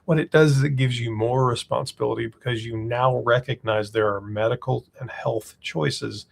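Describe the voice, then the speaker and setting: A man's voice: mid-range voice, steady tone, moderate pace, gravelly. A man in his forties co-hosting a live question-and-answer chat, speaking earnestly and reading viewer questions aloud. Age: 40s. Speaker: co-host.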